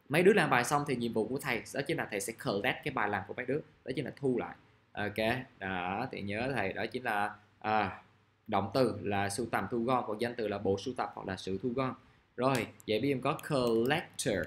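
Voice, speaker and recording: A man's voice: mid-range voice, a bit bright. A male English teacher, explaining a vocabulary lesson patiently and repeating key words while checking in with his students.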